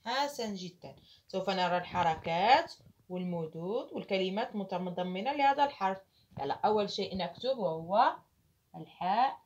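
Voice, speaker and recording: A woman teaching Arabic writing to children, slowly calling out each syllable and praising often. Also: medium pitch, expressive, lo-fi sound. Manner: slow, deliberate, calls out each syllable loudly.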